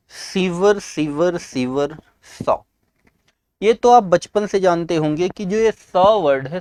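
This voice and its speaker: A man with a North Indian accent teaching an exam-prep English lesson. He mixes English terms into his explanation, answers his own questions and often clears his throat. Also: high-pitched, no room sound.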